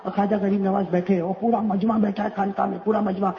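A male preacher giving a storytelling sermon, animated and rhetorical, calling on the audience to answer back. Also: high voice, highs cut off.

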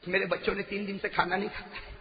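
A man preacher voicing a frail, very old male beggar who pleads quietly and earnestly. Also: high voice, level tone, a little hiss or hum, lightly acted. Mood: pleading. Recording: echoey hall, muffled sound.

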